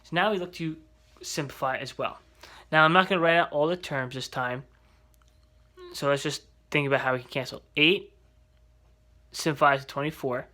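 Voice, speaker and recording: A man's voice: on the high side, fairly even intonation, normal speed, pauses often, bright, forceful tone. A man teaching an algebra lesson, explaining step by step and checking in with rhetorical questions. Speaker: math teacher.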